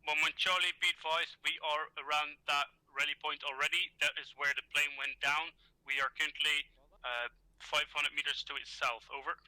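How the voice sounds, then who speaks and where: Brief: man, squad radio operator heard through a helmet radio, bright and dry, clipped radio procedure. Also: a little high, steady tone, normal speed, no room sound, poor audio. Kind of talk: military radio procedure in a game.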